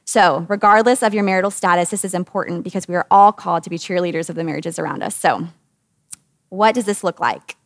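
A woman's voice: fairly low pitch, quick pace, no echo, studio quality. Earnest woman teaching a women's group. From United States. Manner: earnest, conversational, with lively emphasis. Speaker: women's Bible study teacher.

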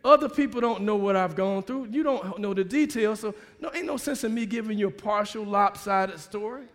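Male preacher, high gravelly voice, call-and-response sermon, long church reverb. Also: a little fast. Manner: call-and-response preaching, swings from quiet asides to shouting.

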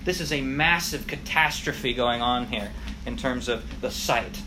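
A man's voice: medium pitch, measured pace, noisy background. Earnest male Sunday school teacher. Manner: earnest, reads scripture aloud with rising emphasis. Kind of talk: Bible lesson with scripture reading.

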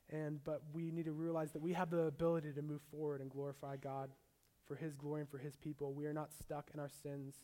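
A young man preaching a sermon as a pastor, mixing scripture with a relaxed personal story. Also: fairly high pitch.

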